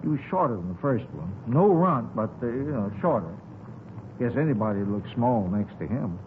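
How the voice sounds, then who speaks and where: A man voices a chatty, folksy witness to a street shooting in a 1950s radio play, drifting through colloquial talk in a vague, unhurried way. His medium-pitched delivery is very animated yet lightly acted, at a moderate pace. The old recording sounds scratchy, thin, narrow, and tinny.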